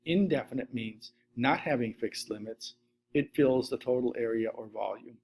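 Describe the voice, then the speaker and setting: This middle-aged science teacher, whose first language is Latvian, records a slide lesson at his desk webcam and reads lists in a steady way. He has a mid-range voice at normal speed, with vocal fry and a breathy edge.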